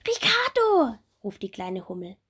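A woman narrating a children's story in a soft, hushed, expressive way. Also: medium pitch, unhurried, breathy edge.

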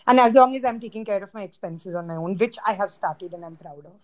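A woman's voice: mid-range voice, quick pace, a little mellow. A woman with an Indian accent, speaking as a podcast guest in casual chat. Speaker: podcast guest, cafe co-founder.

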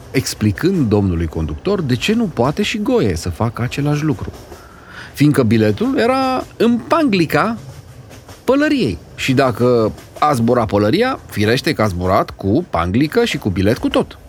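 Man reading a story with animated expression. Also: on the high side, slight background noise. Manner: lively, expressive, acts out characters. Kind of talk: dramatic reading of a classic story.

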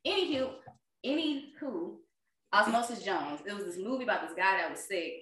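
Woman podcast co-host, bubbly, loud, laughs a lot; echoey room. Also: medium pitch, animated, normal speed. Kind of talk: casual chat.

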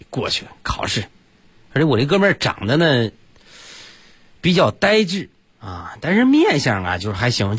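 Husky man telling jokes. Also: no echo. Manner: lively, jumps into loud high voices for quoted characters. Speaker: comedy storyteller. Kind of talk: casual joke-telling monologue.

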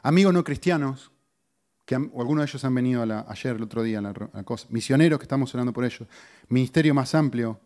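Middle-aged man preaching a conversational sermon. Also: fast talker. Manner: conversational teaching, animated pitch swings, audience asides. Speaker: pastor.

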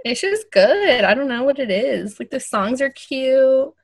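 A woman's voice: sits high, sing-song, measured pace, slightly rough, no echo. A young woman co-hosting a podcast, telling stories in casual chat with lots of laughter and fillers. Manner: laughs often, filler-heavy storytelling. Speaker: podcast co-host.

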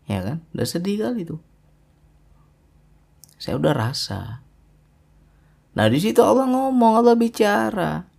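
A man preaching a religious sermon, emphatic and full of rhetorical tag questions, his pitch swinging widely. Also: expressive, measured pace, creaky, long pauses, a little mellow.

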